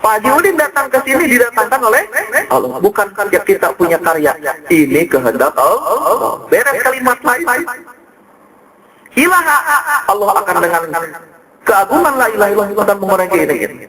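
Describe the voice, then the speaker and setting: A man's voice: sing-song, moderate pace, crowd noise, poor audio. A man, preaching a sermon as a kiai and telling stories with acted dialogue. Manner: storytelling with acted dialogue, wide swings in pitch. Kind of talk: religious sermon to congregation.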